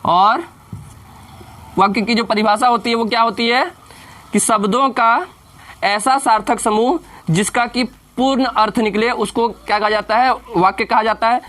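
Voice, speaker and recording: Male tutor, self-questioning style, slow letter-by-letter spelling for a grammar class. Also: very high-pitched, a bit bright. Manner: keeps posing questions and answering them himself. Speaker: teacher.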